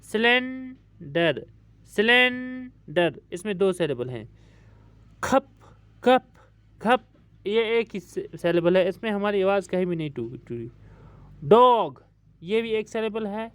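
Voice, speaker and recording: A man's voice: high-pitched, big pitch swings, normal speed, a little mellow, clear, resonant tone, dry recording. A male English teacher giving a recorded lesson to schoolchildren, patiently repeating each word several times and stretching it out. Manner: patient, addresses pupils as dear children. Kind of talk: recorded online classroom lesson.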